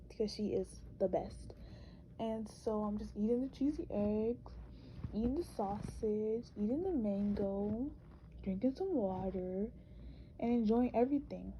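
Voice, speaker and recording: A woman's voice: on the high side, mellow, slight background noise, rough recording. A young woman narrating her vlog in a chatty, informal, casual voice-over. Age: young adult. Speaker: vlogger.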